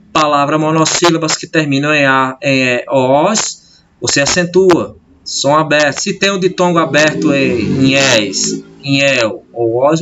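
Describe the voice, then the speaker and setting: A male teacher, explaining a grammar lesson step by step and often checking in with his pupils in a recorded video lesson. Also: mid-range voice. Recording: dull lo-fi sound with faint noise.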